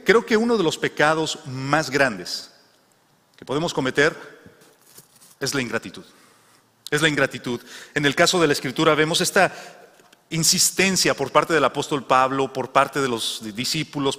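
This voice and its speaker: A man delivering a sermon, telling stories and circling back to repeat his phrases. His voice is bright and a bit high, and a long reverb trails after every word. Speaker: preacher.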